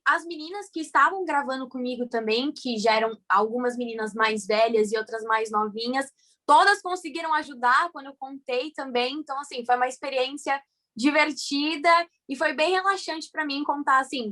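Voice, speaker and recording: A woman's voice: high voice, moderate pace. A young woman with a Brazilian Portuguese accent, cheerfully recounting a memory in casual chat. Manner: cheerful, lively retelling.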